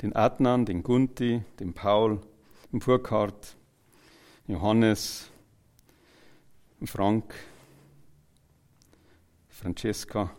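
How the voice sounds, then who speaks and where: A man preaching an evangelical sermon, who swings between loud exclamations and quiet, earnest asides and jokes with the congregation as he retells scripture in everyday terms. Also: fairly low pitch, very slow, pauses often.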